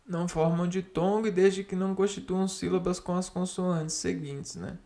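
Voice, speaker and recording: A man slowly reading spelling rules aloud and explaining them to himself, halting and repeating words as he goes. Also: high voice, steady tone, dark tone.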